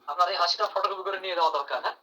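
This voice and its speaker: A man's voice: high voice, racing, pushed and bright, recorded from a distance, poor audio. A man teaching English grammar in a live online class, calling on students by name and praising their answers.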